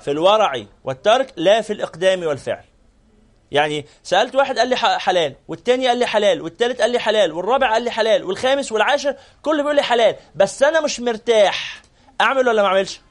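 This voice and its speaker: A man's voice: high voice, expressive, rapid-fire. A man with an Egyptian Arabic accent giving a religious lesson to a live audience, firing off rhetorical questions and prompting listeners to answer. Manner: repeats phrases in lists. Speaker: sheikh teaching hadith.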